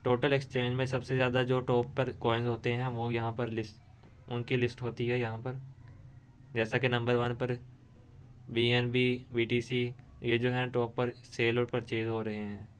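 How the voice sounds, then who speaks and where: Tutorial host, male. Smooth, even delivery, explains step by step and often restarts phrases. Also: medium pitch, moderate pace. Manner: steady explaining with frequent restarts. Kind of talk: screen-recorded tutorial.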